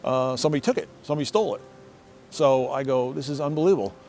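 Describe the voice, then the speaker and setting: A man's voice: mid-range voice, quick pace, a little mellow, faint music behind. A middle-aged man telling a casual, rambling story from his shed workshop, often restarting and repeating words. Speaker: motorcycle owner telling a story.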